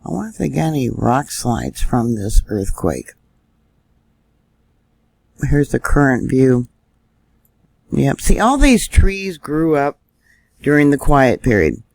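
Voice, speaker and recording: Sharing maps and camera feeds on screen, a male news vlogger gives loose commentary, musing aloud with fillers. He speaks slowly in a medium, creaky voice with big pitch swings and long pauses.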